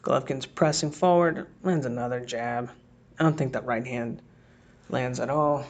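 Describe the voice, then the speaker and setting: A man's voice: medium pitch, moderate pace, highs cut off. A man giving a casual, think-aloud breakdown of boxing footage, reacting to each replay as he scores the round. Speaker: boxing analyst. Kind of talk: casual fight breakdown commentary.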